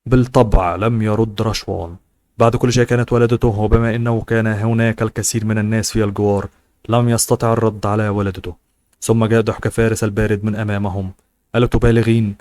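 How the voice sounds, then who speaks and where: A man narrating a serialized novel as an audiobook reader, brisk and even. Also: lowish voice, no room sound. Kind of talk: novel reading.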